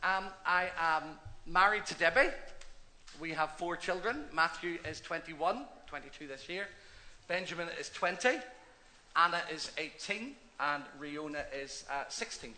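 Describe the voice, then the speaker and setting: A middle-aged pastor from Northern Ireland, speaking with a Northern Irish accent, tells his story chattily on a church stage in a mix of interview and preaching. His voice is a little high and unhurried, his manner animated and self-deprecating. The low-quality recording carries some hiss or hum.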